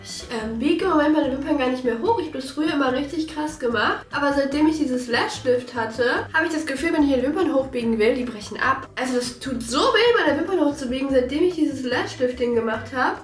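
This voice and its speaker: A woman's voice: sits high, lively intonation, fairly quick, few pauses, echoey room, faint music behind. A young woman chats casually to viewers in informal, slang-sprinkled speech, her articulation slightly affected by braces. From Germany. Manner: chatty, informal with English slang. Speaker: vlogger.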